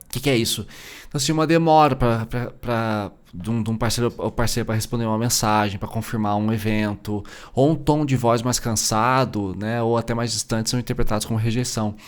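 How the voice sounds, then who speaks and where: Brazilian man, forties, quick chatty podcast host, loose asides and fillers. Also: lowish voice, clean tone. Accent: Brazilian Portuguese. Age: 40s. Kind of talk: casual solo podcast talk.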